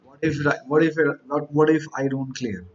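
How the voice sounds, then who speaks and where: A man's voice: on the high side, a little fast, lo-fi sound. A man, teaching exam candidates in a motivational lecture, stacking up rhetorical questions and repeated lists.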